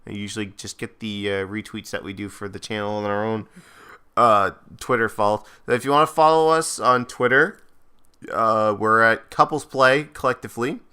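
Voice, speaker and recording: Giggly guy rambling on a podcast, hiccuping and hungry, bright smooth voice. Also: on the low side, fairly even intonation, normal speed. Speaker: podcast co-host. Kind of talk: casual couples podcast chat.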